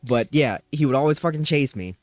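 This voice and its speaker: A young man hosting a podcast, telling childhood stories in a lively way, laughing and swearing freely. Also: medium pitch, brisk, no echo. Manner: animated storyteller, laughing, swearing. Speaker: podcast host. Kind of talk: casual chat.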